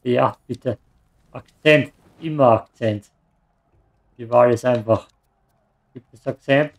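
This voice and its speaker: A man's voice: mid-range voice, slow, creaky, dull audio. A man giving casual commentary while playing a video game, with joking, sarcastic asides. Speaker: let's play gamer.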